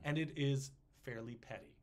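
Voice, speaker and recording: A man's voice: mid-range voice, normal speed, a little hiss or hum. A man hosting a casual history podcast, joking around and slipping into silly voices. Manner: animated, jokey, puts on silly voices. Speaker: podcast host.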